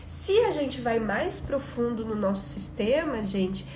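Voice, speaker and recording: A woman's voice: a little high, animated, measured pace. A woman giving an emphatic live coaching talk through personal stories, often putting questions to her listeners. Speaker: online self-development coach. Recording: echoey room, faint background noise.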